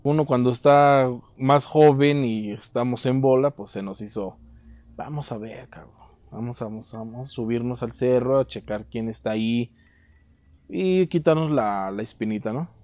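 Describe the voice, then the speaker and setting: A man's voice: medium pitch, normal speed, a little mellow, dry recording, lo-fi sound. A man with a Mexican accent, casually recounting a memory in an interview with a lapel mic, trailing off between phrases. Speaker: eyewitness interviewee. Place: dark room, seated.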